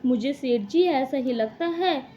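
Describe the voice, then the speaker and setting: A woman's voice: sits high, unhurried, warm tone, highs cut off. A woman voicing a loyal, worried male servant in a cartoon, advising his master earnestly. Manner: earnest, persuasive. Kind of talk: cartoon voice acting.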